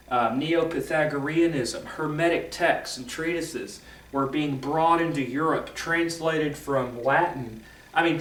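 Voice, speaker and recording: A man explaining esoteric teachings in a casual, rambling lecture, correcting himself often and filling pauses with ums and uhs. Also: on the high side, fairly bright tone, reverberant, far from the mic, poor audio. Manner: rambling, self-correcting, filler-heavy.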